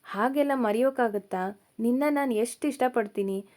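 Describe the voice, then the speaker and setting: A woman voicing an affectionate young male college student who speaks gently and reassuringly in a storybook reading. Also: a little high, moderate pace, lightly acted.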